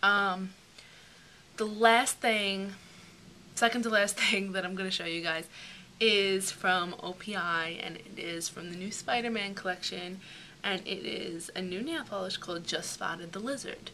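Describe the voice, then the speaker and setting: A woman's voice: mid-range voice, measured pace, pushed and bright, slight background noise. A young woman chatting casually through a beauty product review, rambling with plenty of fillers. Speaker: beauty vlogger.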